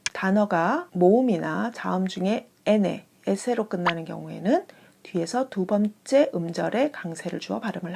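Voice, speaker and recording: A young woman teaching Spanish in a calm, clear, explanatory way. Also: lowish voice, a little hiss or hum. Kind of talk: scripted online language lesson.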